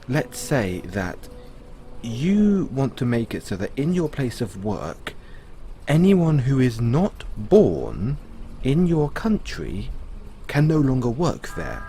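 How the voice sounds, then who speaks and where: A man voices an android's kind, thoughtful owner in an audio roleplay, measuredly musing and explaining things to the listener. His voice is medium-pitched with a dark tone, and there is a little hiss or hum.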